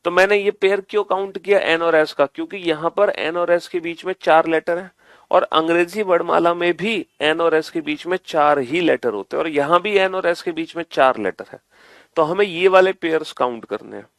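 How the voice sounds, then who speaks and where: A man's voice: fairly high pitch, fairly bright tone, no echo. A young man teaching an exam-prep reasoning lesson, repeating each step and asking questions that he answers himself in the students' voice. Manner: answers his own questions in the students' voice, addresses them as beta; spells out letters slowly, repeating each step.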